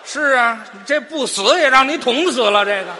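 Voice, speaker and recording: A man playing the straight man in crosstalk comedy, firing back quick, indignant retorts and dry interjections. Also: very high-pitched, bright, forceful tone, a little hiss or hum. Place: theater stage.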